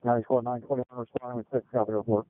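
Fast-talking male firefighter on tinny radio. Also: mid-range voice, flat delivery, no room sound. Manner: terse, procedural. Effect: two-way radio. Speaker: firefighters on scene. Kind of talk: fireground radio traffic. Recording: tinny, narrow radio transmission.

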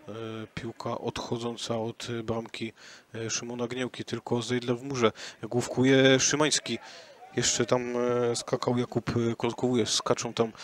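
Male football commentator, flat even delivery, frequent fillers, lifts at goals. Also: mid-range voice. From Poland. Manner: measured, many hesitation fillers, lifts on goals and chances. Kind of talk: highlights commentary.

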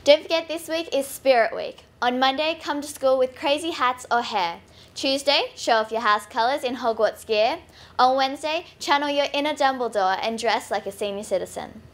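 A woman's voice: high-pitched, moderate pace. A teenage girl hosting a student news show, reading scripted school announcements in an upbeat way. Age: teens. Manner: upbeat, reads a list of notices.

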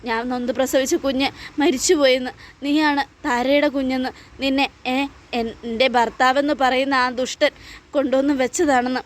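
A woman's voice: high-pitched, steady tone, moderate pace, lightly acted. A woman voicing a grieving middle-aged mother who tearfully confesses a painful secret and apologizes. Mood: confessing.

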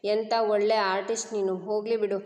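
A woman's voice: medium pitch, flat delivery, fairly quick, darkish tone, lightly acted. A woman voicing a stern, exasperated young husband in a serial recap. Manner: scolding, exasperated. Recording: roomy reverberant room.

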